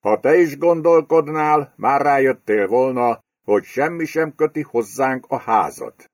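A domineering, crude male property speculator, read by a man in an audiobook. He threatens and bullies with a lively, swinging delivery. The sound is close and dry. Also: medium pitch, no echo, pitched above the performer's own voice, natural voice. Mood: menacing. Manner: menacing, bullying, crude. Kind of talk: audiobook character voice.

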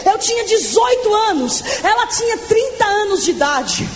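A woman in her twenties shouts out her testimony in a fervent evangelical sermon, drawing words out for emphasis. Her voice is extremely high and sing-song at a moderate pace, with a little hiss or hum on the recording.

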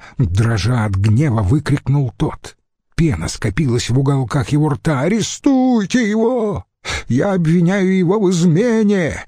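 A man reading an audiobook, voicing an enraged older male Roman consul who shouts shrilly. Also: mid-range voice, husky, dry recording, clean studio sound, close to an everyday voice.

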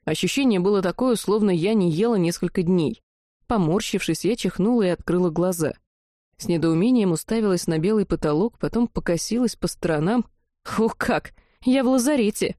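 Woman, audiobook narrator, first-person, wry lively reading, warm dark voice, dry studio sound. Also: on the low side, fairly quick, dry recording.

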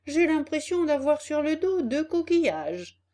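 A woman voicing a big, strong, kindly tuna fish who speaks in a slow, easygoing way. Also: sits high, very animated, dark tone, pitched above the performer's own voice. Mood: reassuring.

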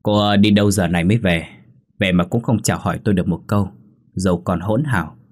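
Man reading as a sharp-tongued old woman scolding her daughter-in-law, nagging, contemptuous, husky low voice, storybook ghost tale. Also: animated, brisk. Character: harsh, scolding elderly mother-in-law.

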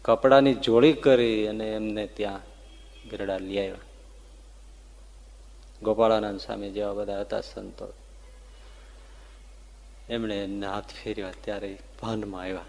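A man retelling a devotional story as a sermon, his voice rising with feeling and dropping soft for the tender parts. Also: on the low side, level tone, a little slow, vocal fry, pauses often. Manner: tells the story with emotional rises and soft dips. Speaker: religious storyteller. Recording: long reverb of a large hall.

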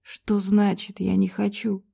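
A woman's voice: mid-range voice, monotone, slow pace, vocal fry, dark tone, slightly rough, exaggerated voice. A woman doing a cold, menacing man. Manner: clipped, growling, menacing.

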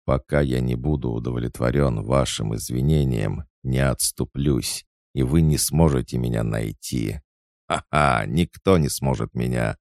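A man voicing a cruel, threatening male bandit boss in an audiobook, menacing and shouting orders. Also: very deep voice, measured pace, vocal fry, no echo, clean studio sound, heavily acted.

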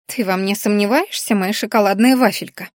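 A woman's voice: brisk, dry recording, clean studio sound, close to an everyday voice. A woman voicing a plump hoofed female creature, a fussy, doting governess who gushes and frets dramatically. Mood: fussing. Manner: gushing, shrill and dramatic.

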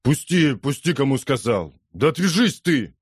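A man's voice: deep voice, normal speed, warm tone, no room sound, studio quality, natural voice. A man voicing a surly, drunk young man who snaps harshly in an audiobook. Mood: gruff. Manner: gruff, snapping.

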